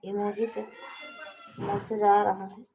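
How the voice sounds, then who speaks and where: A woman casually chatting with viewers on a live stream, speaking softly and hushed from a balcony at home. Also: mid-range voice, level tone, slow, creaky, husky, low-quality recording. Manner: speaks softly and hushed to avoid waking others.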